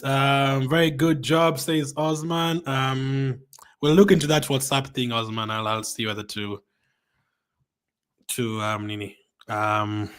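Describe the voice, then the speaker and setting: A man hosting a live stream, reading viewer comments aloud in an excited, chatty way, often adding "um" and "man". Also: a little high. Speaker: fan channel host.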